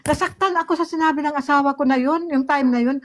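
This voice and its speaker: Woman, fairly high pitch, faith testimony, earnest, halting, re-enacts dialogue. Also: crowd noise. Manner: earnest storytelling, often pauses and restarts; replays remembered dialogue in a raised voice. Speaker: church member giving testimony. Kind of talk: personal faith testimony in conversation.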